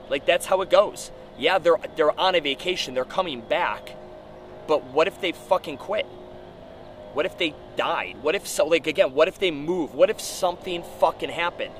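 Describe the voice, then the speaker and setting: A man's voice: on the high side, moderate pace, fairly bright tone. A man giving a blunt, profane, casual podcast monologue as a gym owner, speaking outdoors on a rooftop. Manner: profane, blunt, informal coaching talk. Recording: outdoor urban noise with traffic.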